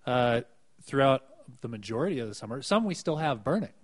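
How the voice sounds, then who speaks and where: A man's voice: mid-range voice, brisk. A man co-hosting a casual podcast, bantering and joking as he recalls the year's news. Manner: joking, animated banter with laughs. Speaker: podcast co-host.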